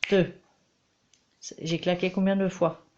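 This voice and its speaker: Mother-teacher, gentle and instructive, talking slowly, low-fi home audio. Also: little pitch movement, lo-fi sound, a little hiss or hum. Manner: patient, coaxing, instructive. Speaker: homeschooling mother. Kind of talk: reading lesson with a child.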